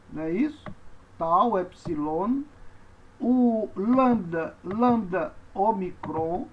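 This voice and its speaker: A man's voice: sits high, a little hiss or hum. A man teaching a language lesson, patiently spelling out letters and repeating each word. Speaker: Greek teacher. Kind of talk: classroom lecture. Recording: dull lo-fi recording.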